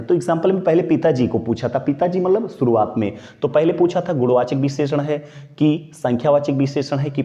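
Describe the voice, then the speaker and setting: A male teacher walks viewers through a grammar lesson, greeting them as friends and asking questions that he answers himself. His voice sits in an ordinary middle pitch with a mellow, dark tone. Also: highs cut off.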